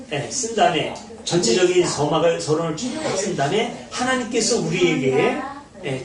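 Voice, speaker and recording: A man giving an informal Bible study lecture, animated and blunt, sometimes mocking. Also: a little high. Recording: echoey room, mic far off.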